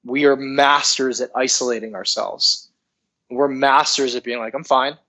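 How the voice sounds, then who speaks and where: A man's voice: mid-range voice, steady tone, unhurried, bright, forceful tone, rough recording. Earnest man coaching on a podcast. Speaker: guest, coach and author. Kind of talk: casual podcast interview.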